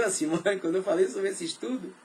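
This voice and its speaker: A male pastor preaching a sermon, swinging between loud calls to the congregation and quiet asides, often clearing his throat. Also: high-pitched, slight background noise.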